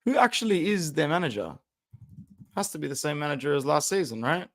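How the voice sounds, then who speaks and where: A young man hosting a casual football fan stream, chatting and reacting aloud to match highlights, with loud outbursts and low muttered asides. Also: sing-song, brisk. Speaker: football fan channel host. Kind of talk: casual live-stream commentary.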